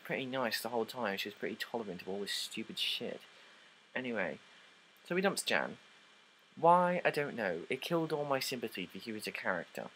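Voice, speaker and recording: A man's voice: on the low side, pushed and bright, a little hiss or hum, rough recording. A young man rambling through a casual, sarcastic review, swearing now and then. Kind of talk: casual play review vlog.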